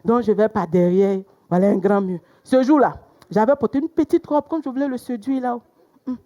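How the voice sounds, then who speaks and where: A young woman performing a stand-up comedy routine, telling stories with sudden loud exclamations. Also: on the high side, moderate pace, dull audio. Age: young adult.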